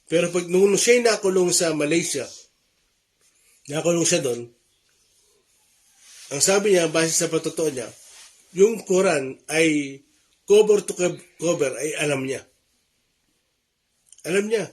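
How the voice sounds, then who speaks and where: Earnest Filipino preacher, higher voice. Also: male voice, slow pace, pauses often. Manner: earnest, repeats points, rising emphasis. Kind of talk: sermon.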